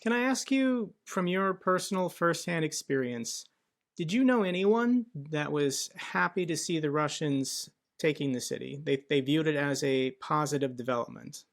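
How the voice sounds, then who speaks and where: A male podcast host with a fairly high voice puts plain, direct questions to his guest. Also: lively intonation, normal speed. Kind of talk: interview questions.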